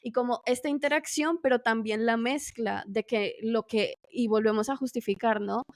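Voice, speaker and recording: A woman's voice: fairly high pitch, steady tone, normal speed, no echo, studio quality. Woman hosting an interview. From Colombia. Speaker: interviewer and host. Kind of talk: casual interview.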